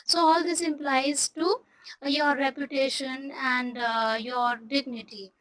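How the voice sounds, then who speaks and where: A woman teacher explaining a Hindi play in to students, talking in a halting way with many fillers and restarts. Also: high-pitched, steady tone, fairly bright tone, poor audio.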